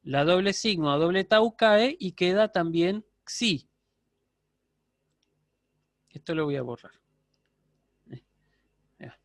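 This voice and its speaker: A man's voice: high-pitched, expressive, takes it slowly, pauses often, no room sound, clean studio sound. A man giving a university lecture online, explaining step by step and checking in with his students. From Argentina.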